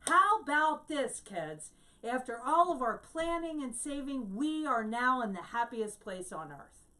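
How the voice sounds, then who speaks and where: A woman quotes a father who answers a complaint with a wry, pointed remark. The pitch sits a touch high. She sounds a little distant from the microphone. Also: expressive, unhurried, pushed and bright, full character voice. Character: calm father putting things in perspective.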